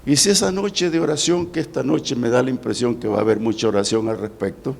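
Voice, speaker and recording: A man, a pastor preaching a sermon at a church service, with dramatic swings in pitch and slowed words for emphasis. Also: creaky, a little hiss or hum.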